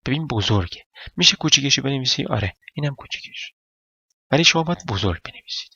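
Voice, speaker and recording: Gravelly-voiced man teaching a language lesson. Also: mid-range voice, expressive, bright, forceful tone, no room sound. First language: Persian. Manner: explains step by step, quizzes the viewer, thinks aloud while writing. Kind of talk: casual spoken lesson. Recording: dry, slightly dull recording.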